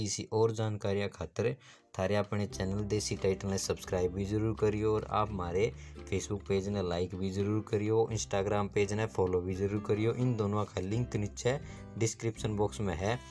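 A man's voice: lowish voice, darkish tone. A man with a Haryanvi accent giving a folksy, casual explainer voice-over, often turning to his listeners as friends. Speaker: host of an explainer channel.

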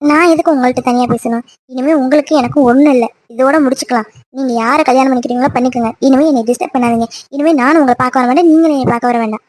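A woman voicing a hurt, angry young woman in a cartoon love story, snapping sharp, dismissive retorts. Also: high voice, fairly even intonation, rapid-fire. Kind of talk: cartoon voice acting.

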